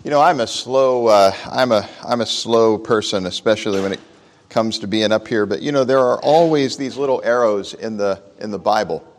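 Pastor at a pulpit microphone, reverberant church. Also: male voice, on the low side. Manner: unhurried, conversational, frequent "uh" fillers. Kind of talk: sermon with opening prayer. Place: church sanctuary.

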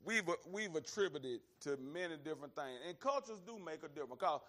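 A man's voice: a little high, expressive, brisk, fairly bright tone. A man from Alabama, preaching and teaching in a folksy, emphatic, conversational way, repeating phrases for weight. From Alabama, American South. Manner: folksy, emphatic, repeats phrases, often addresses listeners as y'all. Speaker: preacher leading a Bible study. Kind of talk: conversational sermon and Bible teaching.

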